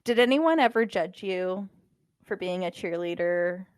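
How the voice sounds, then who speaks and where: A woman's voice: lowish voice, unhurried, clear, resonant tone, dry recording. Chatty young woman, dry close mic. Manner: animated, filler-heavy, lots of "like". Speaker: podcast co-host. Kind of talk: casual podcast chat.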